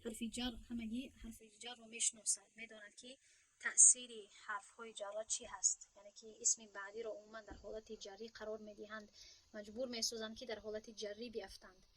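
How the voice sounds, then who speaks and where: A woman with a fairly high voice teaching a grammar class in Persian, her first language. She breaks each point down patiently, stopping to quiz her students and praise their answers. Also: level tone, a bit bright, slight background noise, rough recording. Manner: explains step by step, asks students questions and praises answers. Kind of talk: online grammar lesson.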